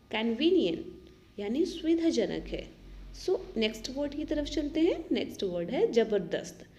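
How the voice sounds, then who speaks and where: A woman's voice: fairly high pitch, warm tone. A woman teaching English vocabulary in Hindi, patiently saying each word and repeating it before giving its meaning. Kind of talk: slow vocabulary lesson, word by word.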